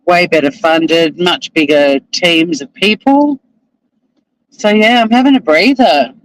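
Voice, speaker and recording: A middle-aged Australian man, a lawyer who vlogs, chats casually to the camera while driving, rambling, poking fun at himself and swearing offhandedly. His voice is high, slow and fairly bright. The recording is rough but has no echo.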